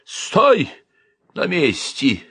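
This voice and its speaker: A man's voice: mid-range voice, sing-song, takes it slowly, no room sound, studio quality, pitched above the performer's own voice, exaggerated voice. A man voicing a fussy middle-aged uncle who coaxes and bullies a boy into eating. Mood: menacing. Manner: coaxing, then hoarse snarling.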